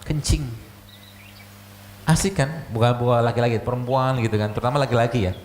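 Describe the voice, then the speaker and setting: A man's voice: mid-range voice, fairly even intonation, brisk, darkish tone. A man, a doctor giving a religious health lecture, chatty and full of rhetorical questions. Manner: conversational, rhetorical questions, frequent "gitu loh" asides. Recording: echoey room, faint ambient noise.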